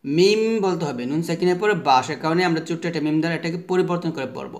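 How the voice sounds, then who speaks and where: A man teaching the rules of Quran recitation. He asks the class a question, answers it himself, and chants the letter sounds slowly for listeners to repeat. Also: a little high. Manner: has listeners repeat after him. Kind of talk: tajweed lesson.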